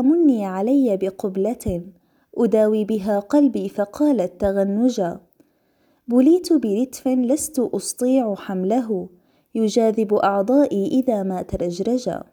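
A woman reading classical poetry aloud in a measured recitation, pausing for short explanatory glosses. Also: on the high side, dark tone. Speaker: reader.

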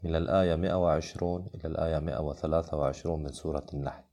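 A man teaching a scripted lesson on Quran recitation rules, reading the explanations plainly and chanting the verses and examples slowly. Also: a bass voice, level tone, dark tone.

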